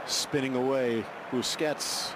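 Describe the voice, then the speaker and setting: A man's voice: mid-range voice, fairly even intonation, takes it slowly. A man doing live play-by-play commentary on a football match. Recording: loud stadium noise behind. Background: football stadium crowd.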